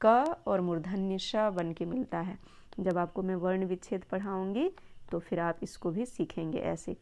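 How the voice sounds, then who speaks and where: A woman teaching a Sanskrit textbook lesson to children, patient and encouraging, slowly repeating words to model pronunciation. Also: medium pitch, darkish tone.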